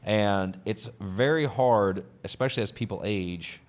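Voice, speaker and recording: A man hosts a casual business podcast, speaking into a podcast microphone in a fairly low voice at a measured pace. His delivery is emphatic, and he drives his points home by repeating key phrases.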